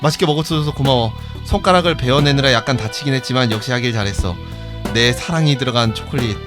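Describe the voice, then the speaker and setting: Brief: male streamer reading an obsessive young girl, soft and sweetly creepy, mid-pitched, game dialogue. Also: fast talker, over music, natural voice.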